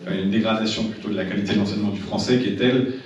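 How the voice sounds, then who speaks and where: A man with a lowish voice gives a public-speaking lesson to a seminar audience, often restarting and repeating words as he goes. He is picked up by a distant mic in a very echoey room, and the sound is dull and lo-fi. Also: fairly even intonation, rapid-fire. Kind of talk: seminar talk to a live audience.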